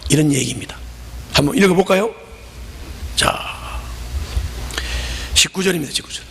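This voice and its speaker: A man preaching a lively sermon as a pastor, telling the story and speaking directly to his congregation. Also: fairly high pitch, normal speed, creaky, slight background noise. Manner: animated, storytelling, talks to the congregation. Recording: long hall reverb.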